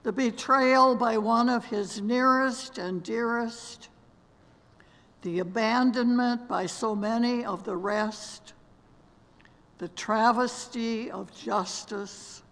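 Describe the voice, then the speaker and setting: A woman's voice: fairly high pitch, fairly even intonation, takes it slowly, a bit bright. An older woman reading a solemn meditation and prayer at a lectern in a large church sanctuary. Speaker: worship leader. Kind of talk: slow scripted meditation and prayer. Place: large church sanctuary, seated among robed choir. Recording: long church reverb.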